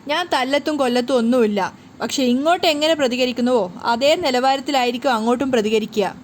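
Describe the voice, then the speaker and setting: A woman voicing a defiant, sharp-tongued young woman in a retold serial. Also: high voice, a little fast, slight background noise, natural voice. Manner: defiant, curt.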